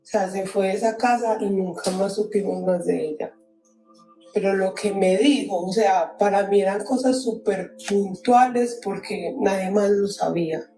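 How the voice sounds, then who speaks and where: A woman calling in to tell a personal paranormal story, nervous and halting, with many restarts. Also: medium pitch, reverberant, music in the background, low-quality recording. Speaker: caller.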